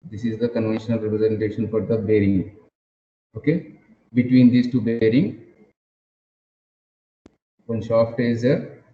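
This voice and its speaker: A man lecturing an online engineering class, captured as a screen recording, talking haltingly with repeated phrases and "uh" fillers. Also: on the low side, fairly even intonation, mellow. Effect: screen-recorded online class audio. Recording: dull lo-fi roomy sound with faint noise.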